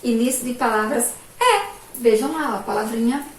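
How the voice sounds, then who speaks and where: A woman's voice: on the high side, expressive. A female teacher with a Sergipe Brazilian accent, giving a remote lesson to children and drawing out each syllable emphatically. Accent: Brazilian Portuguese, Sergipe. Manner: slow, drawn-out, emphatic syllables with frequent "ó" and "olha aqui". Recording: echoey room from far off, faint background noise.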